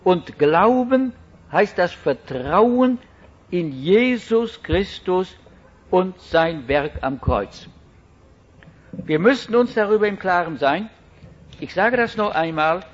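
Slow, emphatic man preaching, husky high voice. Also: animated. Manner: earnest, emphatic, slow deliberate delivery with dramatic pauses. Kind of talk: sermon. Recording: dull lo-fi recording.

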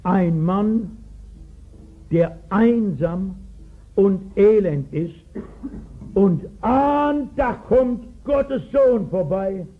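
Husky older preacher on tinny tape. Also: male voice, sits high, very slow, long pauses. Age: 60s. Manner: storytelling, emphatic, asks the audience. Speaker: pastor. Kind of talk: sermon. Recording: tinny lo-fi 1960s recording.

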